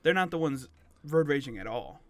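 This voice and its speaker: A man's voice: medium pitch, lively intonation, normal speed, no room sound. A man co-hosting a podcast, chatting casually and pushing back with short, skeptical replies. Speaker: podcast co-host. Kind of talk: casual chat.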